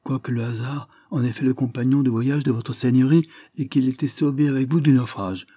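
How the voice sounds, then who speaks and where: A man reading aloud voices a cautious, deferential country lawyer who speaks politely and in measured terms. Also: medium pitch, dark tone, no room sound, clean studio sound, voice pushed up, natural voice. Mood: reporting.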